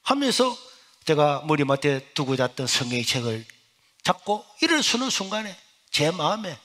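A middle-aged male pastor, giving an emotional sermon testimony that swings from hushed to loud. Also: fairly high pitch, sing-song, moderate pace.

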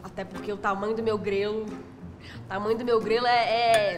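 A woman's voice: medium pitch, fairly even intonation, moderate pace, big-room sound, slight background noise. A woman acting in a comedy sketch with a boastful, mock-defensive manner and a Brazilian Portuguese accent.

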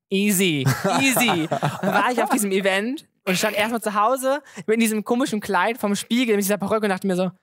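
Male interview guest, rapid animated storyteller, chatty and informal, dry sound. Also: sits high, no echo. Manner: chatty, animated, with many filler words and re-enacted dialogue. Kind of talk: casual chat, storytelling.

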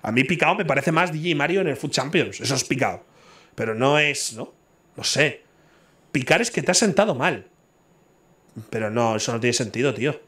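A man's voice: medium pitch, animated, normal speed, long pauses, fairly bright tone. A man from in casual chat who talks bluntly, swears freely and argues his point over and over.

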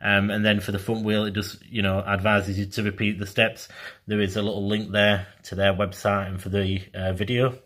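Filming on his mobile phone in an echoey home garage, a man casually demonstrates a product, hesitating with frequent ums and uhs. His voice is lowish and a bit bright, with a level tone and moderate pace.

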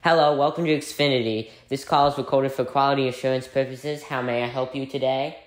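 A man's voice: mid-range voice, fairly even intonation, fairly quick, natural voice. A dismissive cable company phone agent, played by a man, who keeps reading out his scripted lines. The voice sits mid-range and carries a noticeable room echo. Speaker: customer service agent. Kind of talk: short film comedy acting.

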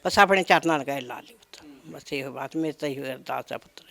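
A woman's voice: very deep voice, brisk, gravelly, a bit bright. An older woman speaking in a devout, prayerful way in a casual chat. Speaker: village interviewee.

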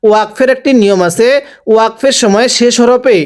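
A man teaching Quran recitation by spelling out each syllable, slowly drawing out the words as he recites them and pausing to explain the rules. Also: extremely high pitch, fairly even intonation. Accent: Bangladeshi Bengali. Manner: slow, drawn-out recitation of syllables, with instructions in between.

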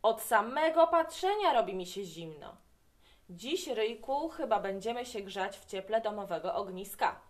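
A good-natured storybook dad, hearty and encouraging, with a lively voice that swings up and down as he talks, read by a woman. He is warm-hearted and easygoing. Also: mid-range voice, normal speed, natural voice.

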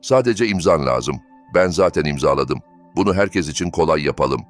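A man's voice: a bass voice, animated, moderate pace. A man voicing a weak, evasive young husband who talks hesitantly. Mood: sheepish. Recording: faint background music.

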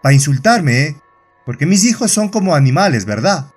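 A man's voice: mid-range voice, expressive, unhurried, natural voice. A man with a Latin American Spanish accent voicing a bitter, hypocritical peasant woman in her forties, whining and shrieking in an audio horror story. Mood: furious. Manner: whining then shrieking with rage.

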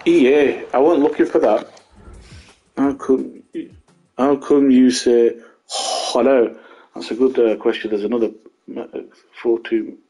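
A man's voice: medium pitch, husky, low-quality recording. A man hosting a gaming channel, chatting to viewers in a rambling way while commentating a football video game. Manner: excitable bursts at goals.

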